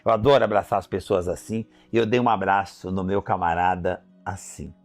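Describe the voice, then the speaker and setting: A man's voice: deep voice, fairly even intonation, a little fast, dry recording, faint music behind. A middle-aged Brazilian man, an entrepreneur, telling a heartfelt personal story with emotion and acting out remembered conversations. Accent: Brazilian Portuguese. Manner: emotional, acts out remembered dialogue.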